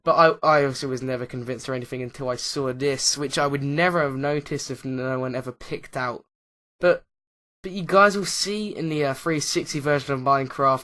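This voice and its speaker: A man's voice: medium pitch, pushed and bright. A man talking casually over his Minecraft footage as a YouTuber, hesitant and full of uh and um fillers, often losing track mid-sentence. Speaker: YouTuber, Minecraft Let's Player. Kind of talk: casual commentary over gameplay.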